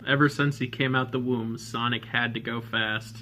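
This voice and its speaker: A man's voice: mid-range voice, fairly even intonation, normal speed, music in the background. A man giving a comedic review of an old cartoon, with wry, joking asides. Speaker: retro game and cartoon reviewer.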